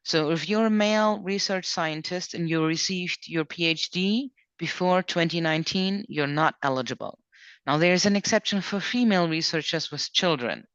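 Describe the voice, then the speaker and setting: Over the flat sound of a video conference call, a woman with a lowish voice runs a casual online quiz at a moderate pace. She reads each question aloud and explains the rules one step at a time, with no room sound in the background.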